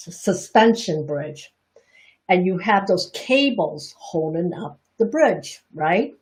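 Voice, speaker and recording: On a livestream, a middle-aged Boston woman with a Chinese Bostonian accent talks through a reflexology lesson as the teacher. Her voice sits a little low, and she is chatty and candid, restarting often and dropping self-deprecating asides.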